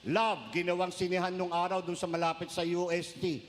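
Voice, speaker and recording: A man's voice: high voice, fairly even intonation, moderate pace, in a large hall. A man preaching a humorous sermon as a priest, telling jokes and mixing Tagalog with English phrases. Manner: jokey storytelling, mixes Tagalog and English.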